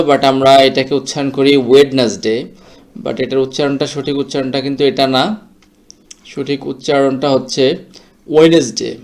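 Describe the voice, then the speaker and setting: A man of medium pitch, a native Bengali speaker for whom English is not his first language, teaches English word pronunciation. His lesson is slow and explanatory, with English words mixed into his speech.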